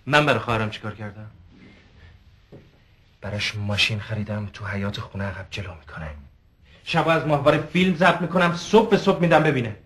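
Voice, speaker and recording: An actor playing a stiff, overprotective man in therapy who gives defensive, halting answers. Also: lowish voice, expressive, a bit bright, husky. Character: stiff, overprotective man recounting his family. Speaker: patient.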